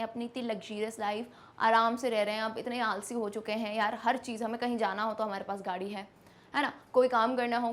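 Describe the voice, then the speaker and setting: A young Indian woman teacher explaining a poem to students in a lively way, asking them questions as she goes. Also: on the high side. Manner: lively, asks questions to students, mixes Hindi and English. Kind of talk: classroom lesson explanation.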